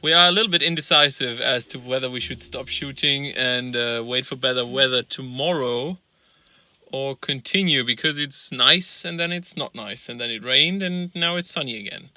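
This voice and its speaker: A man's voice: medium pitch, moderate pace, bright, forceful tone, no room sound. A man hosting a travel vlog, talking casually in a wry, self-deprecating way. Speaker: vlog host.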